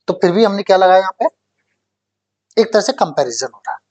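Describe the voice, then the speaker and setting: A male English teacher giving a classroom lecture for exam prep. He explains slowly, repeats key words and keeps quizzing the class. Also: sits high, lively intonation, darkish tone, highs cut off. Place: coaching classroom.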